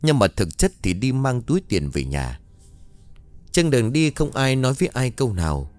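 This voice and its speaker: A man narrating an audiobook in an expressive storytelling way. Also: mid-range voice, normal speed. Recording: faint background music, dry studio.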